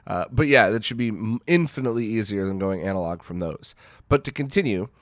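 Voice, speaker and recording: Fighting a cold, this man sounds nasal, with a lowish voice, lively intonation and a brisk pace. The dry, studio-quality recording captures him hosting a laid-back retro gaming Q&A, where he rambles, puts himself down, and keeps restarting and using fillers.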